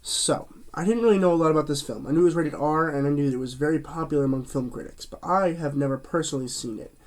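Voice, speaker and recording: Hosting his own movie review channel, a man chats casually despite a cold that leaves him a bit stuffy and nasal. His voice is a little high and he talks fast, rambling with lots of fillers and restarts.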